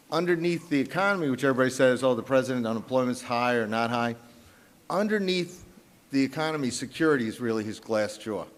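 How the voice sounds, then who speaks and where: New York man presenting polls, echoey hall. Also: medium pitch. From New York, South Bronx. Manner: emphatic, punchy, with frequent restarts. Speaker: pollster on a conference panel. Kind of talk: panel presentation of poll numbers. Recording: long reverb of a large conference hall.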